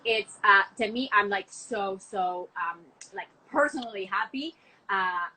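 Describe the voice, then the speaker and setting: A young woman from Argentina who works as a wine export manager talks about wine on a casual podcast call from home, with a window view of the city. She's enthusiastic, gushing, and chatty, with many "like" fillers. Her mid-range voice sounds pushed and bright and unhurried, on a low-quality recording with a little hiss or hum.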